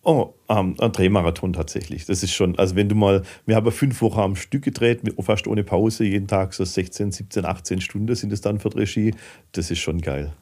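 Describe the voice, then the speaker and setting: A middle-aged man from southwestern Germany, a filmmaker and managing director, guests on a casual podcast interview. His fairly low, steady, darkish voice moves rather quickly as he speaks candidly and colloquially.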